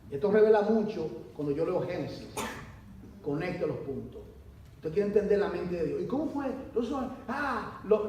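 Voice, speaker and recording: A male pastor with a fairly high voice preaches a sermon in a church hall. He sounds distant from the mic, and the room echo is very heavy. A faint hum sits underneath his voice. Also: darkish tone. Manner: preaching with rhetorical questions and dramatic swings in pitch and volume.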